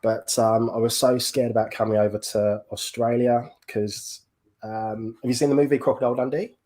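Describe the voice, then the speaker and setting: This upbeat English podcast host, fond of the word "absolutely," chats casually on a live stream over a video call. He speaks at a normal speed in a mellow, mid-range voice that stays steady.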